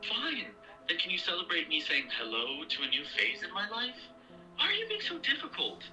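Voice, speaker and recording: A man's voice: medium pitch, lively intonation, moderate pace, bright, forceful tone, faint music behind, poor audio. An actor playing an earnest, exasperated son in his twenties, emphatic with a sarcastic edge, in naturalistic drama dialogue. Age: 20s.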